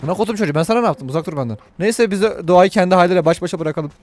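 A man giving let's-play commentary to viewers while he plays, excitable and full of crude jokes and swearing. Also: sits high, rapid-fire. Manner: talks to viewers while playing. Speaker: gaming video host.

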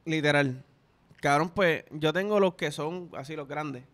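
Fairly high-pitched and somewhat bright, this young man talks a bit slowly. He hosts a podcast, telling loose, profane stories in a casual chat with a Puerto Rican Spanish accent.

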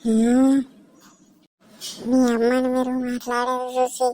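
Woman doing a high, flat-voiced old telangana granny in a cartoon, grumbly and scolding. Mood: menacing. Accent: Telangana Telugu. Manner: grumbling, scolding, drawn-out menace when possessed. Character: elderly village mother-in-law, sulky, faking possession. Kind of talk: cartoon comedy voice acting.

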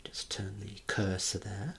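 A man whispering softly through a clinical ASMR role-play, giving slow, careful instructions and gentle praise as he demonstrates eye and head measurements. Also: fairly low pitch, fairly even intonation, slight background noise.

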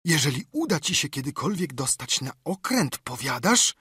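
A man's voice: a little high, moderate pace, breathy edge, no echo, clean studio sound, pitched above the performer's own voice, heavily acted. A man voicing a half-mad marooned castaway who is eager, wheedling and keeps repeating himself. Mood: excited. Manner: excitable, pleading, repeats himself.

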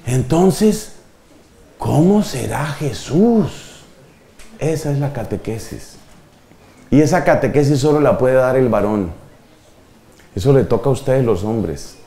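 Animated preacher, echoey hall. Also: male voice. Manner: animated, shifting pitch for emphasis and quoted children. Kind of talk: sermon to a live audience. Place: large hall at a church retreat.

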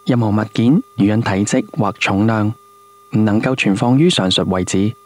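A man's voice: on the low side, moderate pace, a little mellow. A man giving a formal, scripted airline safety announcement in the manner of a flight attendant. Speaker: cabin announcer.

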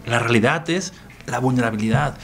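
A man's voice: medium pitch, fairly quick, creaky, fairly bright tone. A man, a priest with a Mexican Spanish accent, speaking in a reflective podcast interview with an earnest tone and repeating phrases for emphasis. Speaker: priest guest.

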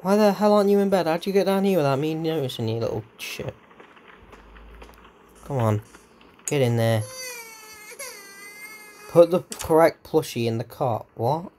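A man doing let's-play commentary, excitable and swearing at the game while muttering to himself. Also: on the high side, normal speed, long pauses, slight background noise. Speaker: gamer.

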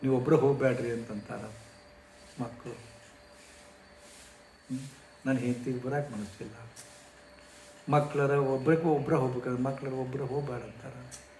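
A man voicing a weary, lonely older rich man who speaks in a soft, subdued, complaining voice. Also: medium pitch, fairly even intonation, normal speed, long pauses, reverberant, a little hiss or hum, close to an everyday voice, rough recording.

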